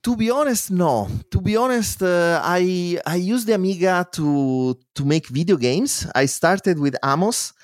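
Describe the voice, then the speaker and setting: A man's voice: high-pitched, a little slow, few pauses, no echo, clean studio sound. A man in his forties with an Italian accent, a guest telling stories in a casual interview, laughing often and restarting his sentences. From Italy. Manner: lively storyteller, laughs often, frequent fillers and restarts. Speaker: guest, musician and programmer.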